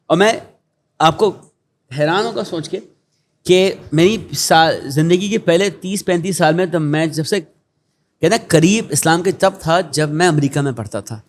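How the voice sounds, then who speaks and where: A middle-aged man with a Pakistani accent, talking as an interview guest in an earnest, preachy way, often slipping into quoted asides. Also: on the high side. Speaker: guest, education founder. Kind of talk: conversational interview.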